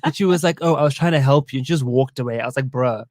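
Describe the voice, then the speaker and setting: A young South African man co-hosts a casual livestream chat over a meal, playful and talkative. He speaks very fast in a mid-range, slightly mellow voice.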